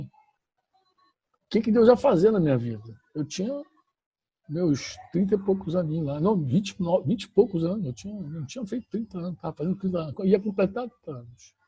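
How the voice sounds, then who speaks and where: High, husky-voiced male pastor. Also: mellow, no room sound. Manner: emphatic, repetitive storytelling with self-corrections. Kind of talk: personal testimony to a church audience.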